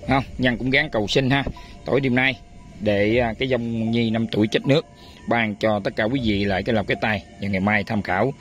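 A man's voice: medium pitch, a little fast, a bit bright, soft background music. A man who hosts a spiritual channel, talking casually and often calling out to viewers, then chanting a prayer. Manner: chatty, complaining, addresses viewers often.

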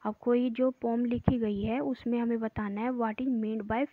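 A woman teacher works through practice exam questions, reading each question out slowly and deliberately before explaining it more quickly. The recording is dry and narrow, like a phone line. Her voice sits at an ordinary middle pitch. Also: flat delivery, dry recording.

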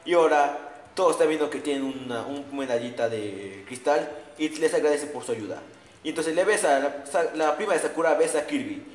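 Fairly high-pitched, expressive and a little fast, a young man gives crude, slangy, mocking commentary over a video game as a parody narrator. The room is echoey with long reverb, and music plays faintly.

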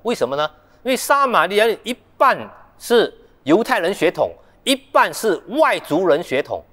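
A man preaching a sermon, lively and full of rhetorical questions, acting out the quoted speech of others. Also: high-pitched, long reverb tail. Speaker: pastor. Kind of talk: Mandarin sermon. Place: church sanctuary.

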